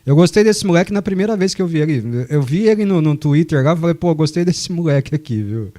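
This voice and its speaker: A man's voice: fairly high pitch, expressive, brisk, mellow. A man hosting a radio sports show, chatting casually, joking and reading listener messages. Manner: chatty, joking, long explanations. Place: radio studio.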